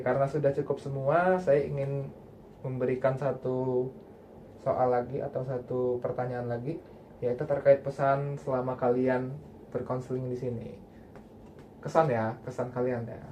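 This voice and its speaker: A man's voice: mid-range voice, little pitch movement, unhurried, dark tone. A young man facilitating a group counselling session with casual, conversational guidance. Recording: faint background noise.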